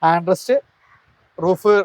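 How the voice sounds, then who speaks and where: Man, mix, very high pitch, dry close sound, enthusiastic sales host. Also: measured pace, darkish tone, no room sound. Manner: mixes English words into Malayalam; enthusiastic sales patter with tag questions. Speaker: video host presenting used cars. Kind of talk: promotional car walkaround, question and answer.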